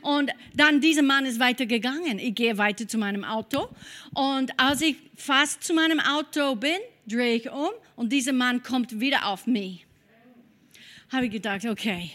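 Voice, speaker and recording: A woman from Kentucky, preaching a sermon and telling a personal story with lively storytelling and prayer in tongues. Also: on the high side, moderate pace. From Kentucky, USA.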